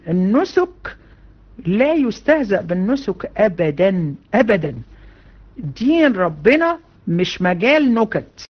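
A woman with an Egyptian Arabic accent giving a religion lesson to women, animated and colloquial, with many rhetorical questions. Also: mid-range voice, muffled recording. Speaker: religion teacher. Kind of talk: lecture to women students.

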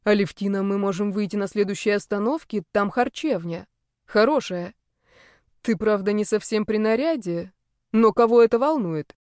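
A woman voicing a teasing, self-assured young male nobleman in an audiobook, speaking calmly with lazy amusement. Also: medium pitch, moderate pace, clean tone, no echo, clean studio sound, natural voice. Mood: coaxing. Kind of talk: audiobook character reading.

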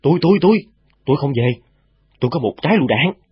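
Audiobook: cheeky boastful village boy, voiced by a man, pitched up, lively, dry dull recording. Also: fast, breathy edge, no echo. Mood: eager. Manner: stammering, chattery, giggly.

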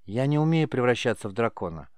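A man's voice: medium pitch, fast talker, clean tone, no room sound, natural voice. A man voicing a restrained, good-natured young mage boy. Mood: calm. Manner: restrained, even-tempered.

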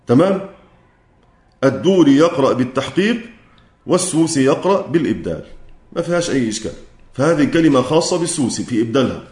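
A man with an Egyptian accent gives a classroom lecture in a somewhat high voice. He draws out verse lines in a slow chant and turns to quiz his listeners. The recording is echoey and roomy. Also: a little mellow. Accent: Egyptian Arabic. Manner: chants verse lines slowly, quizzes the students. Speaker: lecturer on Quran recitation.

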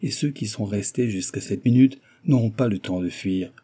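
A man's voice: lowish voice, moderate pace, warm tone, slightly rough. A man voicing a cruel young Japanese villain who talks in a sneering, menacing way, for an audiobook. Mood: cold menace.

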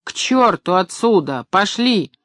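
A man reading an audiobook, voicing a gruff middle-aged man who yells hoarsely and frantically over battle noise. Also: high voice, very animated, a little slow, no room sound, clean studio sound, pitched above the performer's own voice, exaggerated voice. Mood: frantic shouting.

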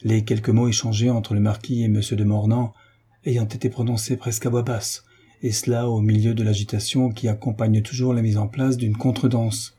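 A man reading a classic novel aloud as narrator, in an even, steady manner. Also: lowish voice, normal speed, slightly rough. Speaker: audiobook narrator. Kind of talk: scripted literary narration.

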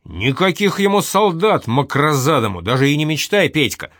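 A man voicing a grumpy, sharp-tongued old father who mocks and scolds the young people around him. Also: on the high side, big pitch swings, normal speed, no echo, clean studio sound, voice pushed up, full character voice. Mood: angry. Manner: mocking, scolding shouts.

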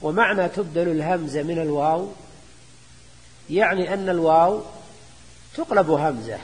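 An older man teaching grammar in a classroom lecture, explaining slowly and repeating terms, sometimes answering students. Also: fairly high pitch, slightly rough. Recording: echoey hall recording.

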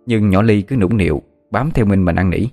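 A male narrator with a low voice, telling an audiobook story steadily. Soft music plays faintly behind him. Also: moderate pace. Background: faint background music.

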